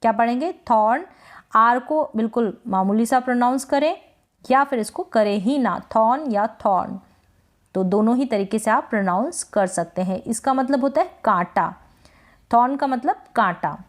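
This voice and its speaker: Teacher: woman, slightly high voice, slow and patient, stretches out each word. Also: expressive. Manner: drawn-out demonstrations of each word; asks and answers her own questions. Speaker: English teacher. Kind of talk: slow spoken lesson.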